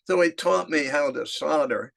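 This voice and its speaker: A man in his eighties from New York City, with a gravelly voice, telling stories from his childhood and chuckling as he goes. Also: on the high side, normal speed, fairly bright tone. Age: 80s. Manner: chuckles through his anecdotes. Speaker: narrator recalling his past. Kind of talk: storytelling reminiscence.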